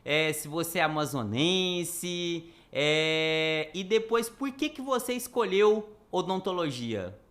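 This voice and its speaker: A man's voice: fairly high pitch, lively intonation, slow, fairly bright tone. A man hosting a podcast, formally introducing his guest and asking questions. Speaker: podcast host. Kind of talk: podcast host introduction and interview.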